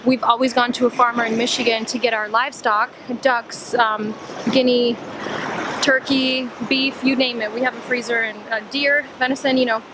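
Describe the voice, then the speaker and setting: A woman's voice: a little high, fairly even intonation, normal speed, noisy background. A young woman from Cuba, chatty and upbeat, talking through a casual travel vlog outdoors in a beach town. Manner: chatty, upbeat, many fillers. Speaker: vlogger.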